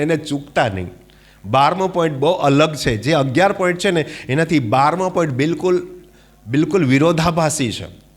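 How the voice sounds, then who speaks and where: Male preacher, fervent sermon, calls for claps and hallelujahs, hushed to loud swings. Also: on the high side. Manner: calls for claps and hallelujahs, asks the congregation questions.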